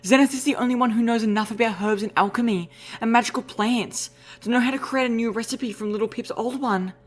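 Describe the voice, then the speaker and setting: A man voicing a gentle but resolute young unicorn mare healer in an audiobook reading, soft and earnest, firm when she makes up her mind. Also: very high-pitched, a little fast, pitched above the performer's own voice. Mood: grave resolve. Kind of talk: audiobook character voice.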